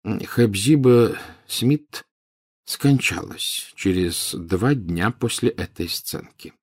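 A man reading a calm, grave old wizard. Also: fairly low pitch, slightly rough, full character voice. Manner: quiet, measured, grave. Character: calm wise old male headmaster wizard. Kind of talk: audiobook character voice.

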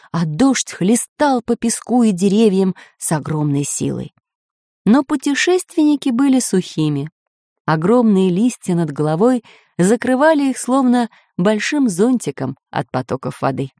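A woman narrating a children's story in a steady storytelling manner. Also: medium pitch, unhurried, dry recording, studio quality. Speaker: audiobook narrator.

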